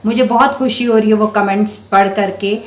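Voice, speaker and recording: A woman teaching young children to read, sounding out syllables slowly and clearly in a patient, encouraging way. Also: mid-range voice, steady tone, reverberant. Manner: drawn-out syllables for sounding out words. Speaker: primary school Hindi teacher.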